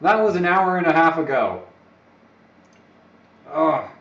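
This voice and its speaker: A man with fairly high pitch and a slightly bright tone speaks slowly but with great animation. Not a native English speaker, he rambles and jokes to his live stream viewers and talks to himself. The mic is distant, the room echoes, and the audio sounds dull and lo-fi.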